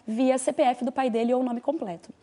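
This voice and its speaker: A woman with a high, dark-toned voice and steady delivery explains social security law at a quick pace. Acting as a patient legal adviser answering questions on a TV call-in segment, she fills her sentences with small "né" and "é" tags.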